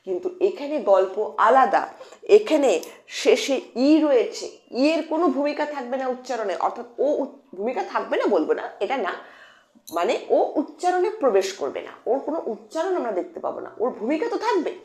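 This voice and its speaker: A woman's voice: a little high, big pitch swings, brisk, a little mellow. A woman teaching English phonics to children in Bengali with a Bengali accent, patiently repeating key points and asking her pupils questions. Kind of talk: explanatory lesson for children. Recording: echoey room.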